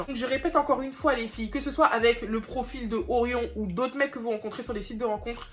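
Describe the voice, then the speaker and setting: A young woman vlogger telling a storytime to her viewers, animated and speaking directly to the audience. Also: a little high. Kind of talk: storytime vlog.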